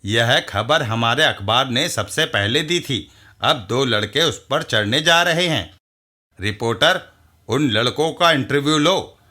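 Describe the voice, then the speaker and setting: Gruff comic-book editor, deep and commanding, played by a man. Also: animated, a little slow, sharp tone. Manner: low and commanding. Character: gruff middle-aged male newspaper editor.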